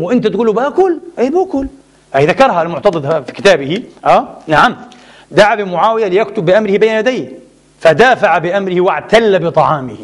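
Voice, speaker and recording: Animated, sarcastic high-voiced male preacher. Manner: animated, sarcastic, mixes classical and colloquial Arabic. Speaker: preacher and lecturer. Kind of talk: religious lecture.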